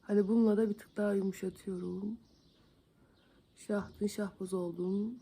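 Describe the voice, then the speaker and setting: A woman's voice: mid-range voice, steady tone, moderate pace, dark tone, husky. Chatty young woman doing her makeup. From Van, Turkey. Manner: chatty, joking, self-mocking. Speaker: beauty vlogger. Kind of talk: casual makeup vlog. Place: home, indoors.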